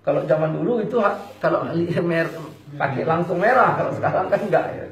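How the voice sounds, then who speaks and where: A man preaching, telling a lively, humorous story and acting out the dialogue. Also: on the high side, brisk, vocal fry, a little hiss or hum. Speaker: Islamic preacher. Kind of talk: sermon with storytelling. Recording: lo-fi echoey hall recording.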